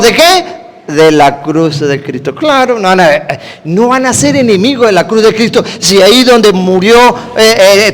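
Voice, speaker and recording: A male preacher with a high, lively voice that leaps around in pitch. He delivers a sermon full of quick questions to his listeners, and the sound carries a long hall reverb.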